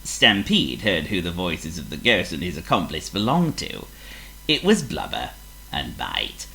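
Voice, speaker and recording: A man narrating a children's storybook in a slow, expressive reading voice. His pitch rises and falls very widely, with a bright tone. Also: vocal fry, rough recording.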